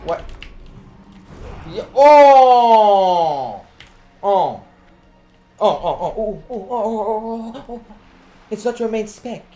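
A woman streaming a game, commenting live with loud excited bursts, frequent laughter and profane slangy chatter. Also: mid-range voice, takes it slowly, long pauses. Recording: roomy echo with faint keyboard typing.

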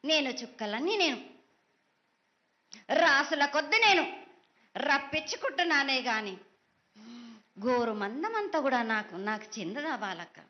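High, swooping prophetic trance voice of a woman. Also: sing-song, a little slow, pauses often, muffled recording. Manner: commanding, speaking as a mother goddess to her children. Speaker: oracle delivering a festival prophecy. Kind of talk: prophetic trance voice, oracle pronouncement.

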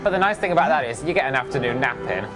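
A man's voice: medium pitch, lively intonation, racing, over music. A man in his thirties co-hosting a morning show with casual, playful banter. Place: ship atrium, at a presenting desk.

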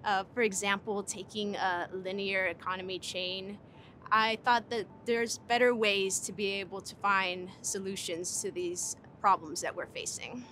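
A woman's voice: medium pitch, fairly even intonation, a little slow, pushed and bright, slight background noise. A young woman who is a graduate student speaking in a composed, analytical interview testimonial. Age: young adult.

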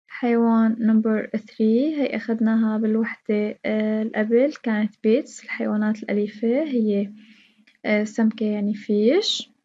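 A woman with a Levantine Arabic accent walks a class through an English lesson, repeating each word and praising the students as she goes. Her voice sits a little high. The recording is dull and lo-fi. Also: warm tone. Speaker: English teacher.

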